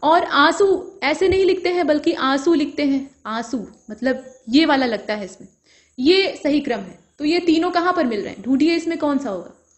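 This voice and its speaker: A woman's voice: high voice, animated, normal speed. A woman teaching an exam-prep grammar lesson, explaining each answer step by step and putting questions to the viewer.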